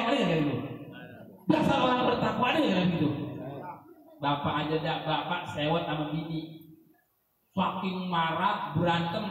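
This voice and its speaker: Animated high-voiced preacher in echoey hall. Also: male voice. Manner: animated, teasing the congregation with questions. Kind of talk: humorous sermon at an akikah gathering. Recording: echoey hall, mic heard from a distance.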